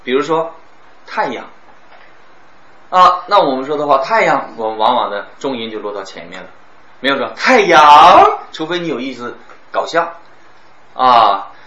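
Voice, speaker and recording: Man lecturing on speech, lively pitch, bright forceful tone, roomy dull-sounding classroom recording. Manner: animated, demonstrates words with exaggerated stress and pauses. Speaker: speech teacher. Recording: roomy, dull, some background noise.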